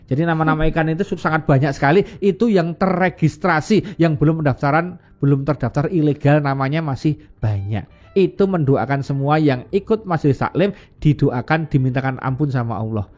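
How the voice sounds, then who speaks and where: A man's voice: fairly quick, a little mellow. A man, a religious teacher telling stories on a radio show and acting out the voices in them. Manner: acts out dialogue with raised pitch. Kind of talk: storytelling sermon. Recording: dull lo-fi radio sound with faint music.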